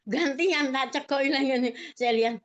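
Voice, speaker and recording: A woman's voice: sits high, normal speed. Fervent woman testifying on a video call. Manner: fervent, rambling, acts out quoted dialogue. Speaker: participant sharing a testimony.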